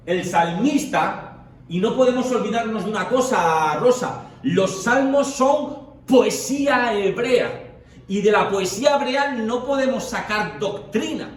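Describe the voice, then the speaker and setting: Man, Bible study leader, explanatory, checks in with listeners, slow, high, echoey room afar. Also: lively intonation. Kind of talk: teaching a Bible study group. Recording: echoey room, far from the mic, faint noise.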